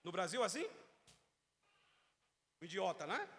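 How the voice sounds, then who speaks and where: A man's voice: high-pitched, huge pitch swings, a little slow, a bit bright. A man with a Brazilian Portuguese accent preaching a teaching sermon in church, emphatic and asking the congregation questions. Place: church sanctuary. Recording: long reverb of a church hall.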